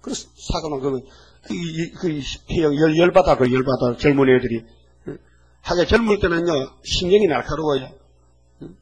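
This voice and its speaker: An elderly male pastor in his eighties delivers a sermon with a voice sitting a little high for a man. He preaches in a lively, folksy manner, constantly pulling the listeners in with quick rhetorical questions. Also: husky, rough recording. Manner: animated, folksy preaching with frequent rhetorical "eh?" checks.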